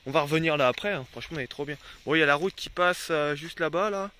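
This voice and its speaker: On the high side and fast, this young man's voice is pushed and bright, with a clear, resonant tone. He's recording a casual riverside travel vlog to camera, chatting with viewers and his dogs and swearing now and then when annoyed.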